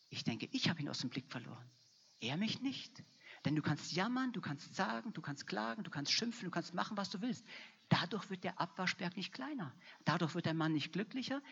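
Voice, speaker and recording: Husky woman preaching an emphatic sermon. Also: lowish voice, fairly bright tone. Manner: emphatic, repetitive, building to fervent. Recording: dull lo-fi recording.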